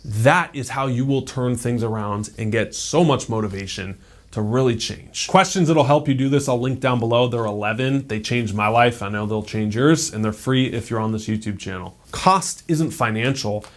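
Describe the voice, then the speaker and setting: With a mid-range voice at a moderate pace, a man in his thirties delivers a laid-back motivational talk for his self-improvement YouTube channel, constantly dropping in "like" and "right?".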